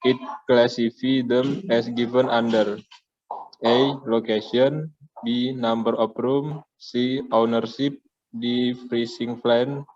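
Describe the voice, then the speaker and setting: A male student with an Indonesian accent reads an English passage in a slow, level monotone. He stumbles now and then over a word, and his voice comes through muffled, lo-fi video call audio. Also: mid-range voice. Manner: halting, careful reading with stumbles. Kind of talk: reading a textbook passage aloud.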